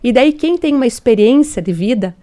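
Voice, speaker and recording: Woman, 40s, mellow warm voice, earnest interview guest. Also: a little high, lively intonation, a little fast. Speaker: guest from industry. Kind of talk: radio interview answers.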